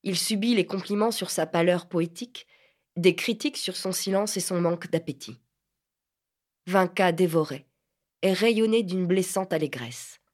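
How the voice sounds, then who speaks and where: A woman narrating an audiobook of a literary novel in a measured, expressive reading. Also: lowish voice.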